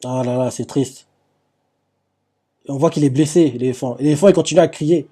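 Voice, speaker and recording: A man's voice: medium pitch, a little fast, mellow, slightly rough. A man recapping anime scenes live, retelling the action with lots of fillers and restarts. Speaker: anime reaction host.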